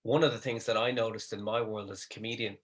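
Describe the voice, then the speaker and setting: A man's voice: lowish voice, fairly even intonation, fast talker. A man, a comedian, telling stories in casual livestream chat and mimicking the people he quotes.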